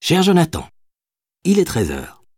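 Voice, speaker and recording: A man's voice: on the high side, huge pitch swings, measured pace, a little mellow, slightly rough, dry recording, studio quality, voice pushed up, full character voice. A man voicing a tipsy, teasing young Parisian woman in an audiobook, speaking in a playful, mock-formal way.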